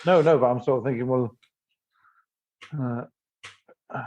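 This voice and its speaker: A man's voice: mid-range voice, unhurried, a little mellow. A man co-hosting a podcast in casual chat, hesitant and rambling with lots of ums. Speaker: podcast co-host. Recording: slightly dull, muffled sound.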